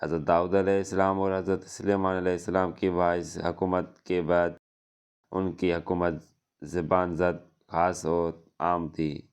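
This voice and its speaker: A man telling a religious story in a measured and solemn way. His voice sits very low and stays level, with little movement. It sounds smooth and clear. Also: level tone. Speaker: narrator.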